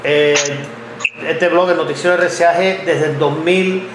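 A man in his fifties from Ohio interviewing a guest, speaking in a halting way with frequent repeated words. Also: on the high side, steady tone. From United States (Ohio). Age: 50s. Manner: halting, repeats words often while telling a story. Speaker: interviewer, blogger and journalist. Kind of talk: conversational interview. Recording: echoey room with background noise.

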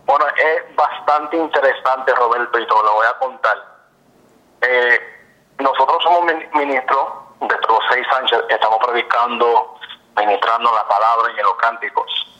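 Man, gospel minister, fervent storyteller, very bright voice, English fillers. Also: mid-range voice, moderate pace, dull audio. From United States. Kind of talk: interview, telling a story.

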